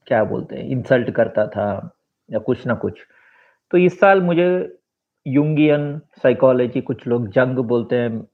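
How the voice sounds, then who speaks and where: A man in his forties from India, giving a rambling, reflective personal monologue and slipping into English phrases. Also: mid-range voice. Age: 40s. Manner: rambling, switches into English phrases, fills pauses with asides. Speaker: vlogger and author. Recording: tinny phone-like sound.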